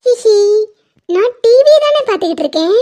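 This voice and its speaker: A woman's voice: extremely high pitch, very animated, moderate pace, mellow. A woman voicing an anxious, tearful young college woman in a cartoon drama, pleading and emotional. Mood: playful. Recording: dull lo-fi audio.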